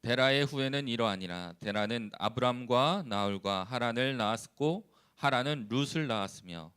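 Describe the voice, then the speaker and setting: A man who is a church evangelist, leading a responsive scripture reading and then preaching calmly with frequent hesitations. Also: medium pitch, clean tone. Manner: calm, unhurried, with frequent hesitations.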